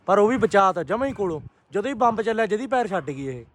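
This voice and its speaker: A man with a fairly high voice narrates a casual vlog as a pigeon keeper. He talks in an animated way and often repeats short phrases for emphasis. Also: fast talker, a little hiss or hum. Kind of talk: casual outdoor vlog commentary.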